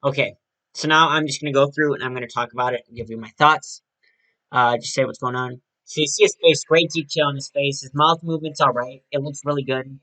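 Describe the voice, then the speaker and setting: A man's voice: medium pitch, fairly even intonation, brisk, pushed and bright, low-quality recording. A man giving a casual, chatty video review, often restarting and correcting himself mid-sentence. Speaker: toy and prop reviewer.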